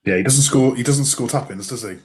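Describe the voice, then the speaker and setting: A man's voice: medium pitch, brisk, a little mellow. A man co-hosting a casual football podcast, a referee himself, talking things through with many fillers and tag questions. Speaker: co-host, referee.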